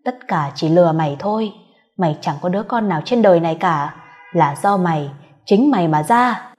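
Woman reader as bitter grieving wife, cold contempt, warm low tone. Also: animated, a little fast, soft background music, natural voice. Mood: furious. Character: bitter vengeful wife grieving her son.

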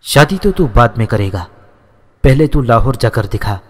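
A stern, hot-tempered old landlord barking insults and orders at his son, as a male narrator puts him on. The voice sits at an ordinary middle pitch for a man. It trails off into a long, ringing reverb. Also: animated, natural voice. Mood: angry scolding. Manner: scolding, insulting, commanding.

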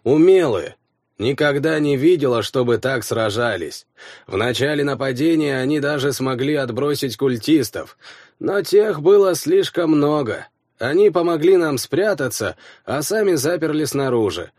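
A grave old half-elf village elder, as a male narrator puts her on, her voice scratchy and creaking. She speaks slowly and respectfully, with a lively rise and fall, close and dry in an audiobook reading. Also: fairly high pitch, no echo, voice pushed up. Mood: solemn.

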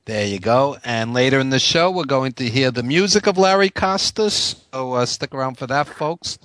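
A man's voice: mid-range voice, expressive, moderate pace, a bit bright, no room sound. A middle-aged man with a Brooklyn accent hosting a casual radio interview, chatty and given to repeating phrases. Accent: Brooklyn, New York. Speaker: radio host interviewing a guest.

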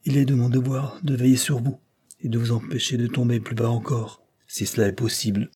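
A man's voice: medium pitch, little pitch movement, fairly quick, dark tone, breathy edge, close to an everyday voice. A man reading an audiobook plays a stern older aristocrat, the count, who lectures and reproaches in a severe tone.

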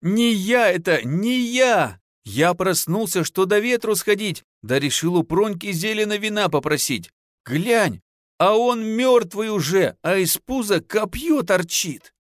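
A man's voice: high-pitched, big pitch swings, unhurried, hardly any pauses, no echo, studio quality, voice pushed up. A man voicing a terrified bearded peasant man who wails and babbles in protest. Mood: wailing.

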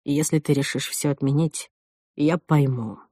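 A woman reading an audiobook voices a shaken young groom, speaking low and haltingly. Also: steady tone, mellow, husky, dry recording, studio quality. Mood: worried. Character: shaken young groom, guilt-ridden and soft-spoken.

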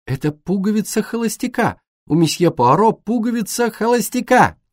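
A man voicing an excitable young girl at a Christmas dinner in an audiobook, teasing and squealing. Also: on the high side, moderate pace, dry recording, studio quality, voice pushed up. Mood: excited.

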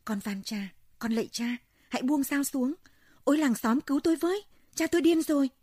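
A woman's voice: on the low side, normal speed, dark tone, breathy edge, no echo, studio quality. A woman voicing a wild young son who screams and pleads in terror, in a told folk story. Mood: terrified. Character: young man, wild unruly son, terrified.

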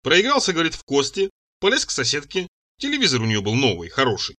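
A man voicing a calm, gloomy male servant who talks in a matter-of-fact way, in an audiobook reading. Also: medium pitch, fast, exaggerated voice.

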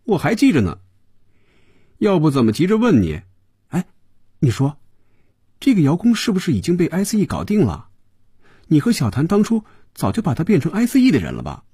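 Guy doing a high, bouncy young woman, teasy and pouty, kinda husky. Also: expressive, a little mellow, dry recording, studio quality. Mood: teasing. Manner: teasing, quick, pouty. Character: playful young woman office worker, teasing.

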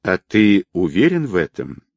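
A man voicing a calm, controlled colonel who gives quiet orders. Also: low voice, normal speed, gravelly, no room sound, muffled recording, full character voice. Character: calm, authoritative male colonel.

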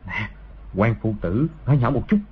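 Calm old-hand fighter talking low, husky man reading, dull audio. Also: moderate pace. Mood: hushed. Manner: hushed.

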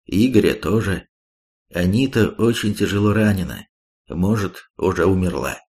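A man reading a grim, calm war chief. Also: deep voice, moderate pace. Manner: calm, sad, resigned.

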